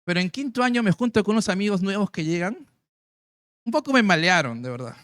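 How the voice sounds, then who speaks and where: A man's voice: high-pitched, animated, fast, fairly bright tone, dry recording, clean studio sound. A man preaching to his congregation, telling his own story and acting out the voices of the people in it. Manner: storytelling, acts out quoted voices. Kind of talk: sermon testimony.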